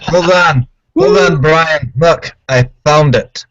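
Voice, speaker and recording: A man co-hosting a casual group podcast, playful and quick to laugh. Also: fairly high pitch, fairly bright tone. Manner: playful, laughing, self-promoting. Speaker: podcast co-host. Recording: muffled lo-fi online call.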